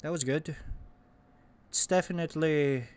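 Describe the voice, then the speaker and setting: Jumpy, hoarse-voiced man gaming slowly. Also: fairly high pitch, slight background noise. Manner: jumpy, excitable, swearing and laughing nervously. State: voice going hoarse. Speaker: gamer playing a horror game. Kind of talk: casual let's-play commentary.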